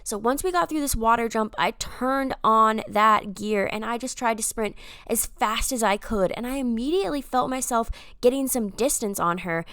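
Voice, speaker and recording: A woman's voice: on the high side, moderate pace, sharp tone, clear, resonant tone, dry recording, clean studio sound. A young woman, a runner, giving an upbeat, chatty voice-over analysis of her own race, with casual fillers.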